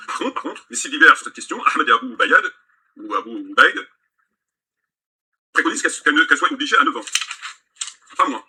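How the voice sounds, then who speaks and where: A man's voice: mid-range voice, sing-song, a little fast, long pauses, sharp tone, breathy edge. A man in a played video, reading out texts and mocking them in sarcastic commentary.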